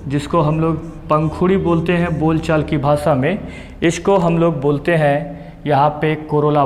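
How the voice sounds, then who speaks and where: A man teaching a biology lesson, explaining a diagram step by step and repeating each term. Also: fairly high pitch. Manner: explains slowly, repeats terms, mixes English terms into Hindi. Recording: long hall reverb.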